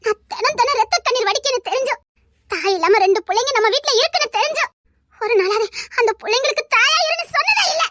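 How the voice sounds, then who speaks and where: A performer voicing a tearful, gentle elder sister in a homemade family drama, with a Tirunelveli accent. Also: very high voice, animated, fast talker, no echo, studio quality, heavily acted. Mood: urging. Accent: Tirunelveli Tamil. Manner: tearful, soft-spoken, affectionate.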